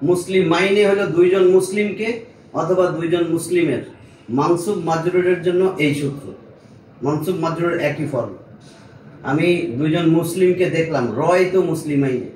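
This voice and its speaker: A man teaches a small class in an informal way, patiently working through each step and stopping to check that his students understand. His voice sits a little high for a man. It sounds roomy and a bit distant, with a faint hiss underneath. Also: fairly even intonation, moderate pace, pauses often, a little mellow. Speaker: Arabic grammar teacher. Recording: echoey room, mic at a distance, faint noise.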